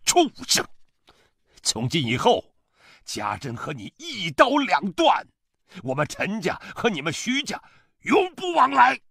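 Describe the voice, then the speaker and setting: A man reading an audiobook, voicing a stern, furious old father-in-law who barks scornful insults in a gravelly voice. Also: high-pitched, huge pitch swings, unhurried, sharp tone, dry recording, studio quality, voice pushed up, exaggerated voice. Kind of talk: audiobook character voice.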